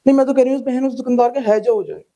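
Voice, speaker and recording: A man's voice: very high voice, steady tone, very fast, mellow, voice pushed up, poor audio. A male comedian putting on the voice of a gossiping woman who fusses dramatically over faded clothes. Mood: melodramatic.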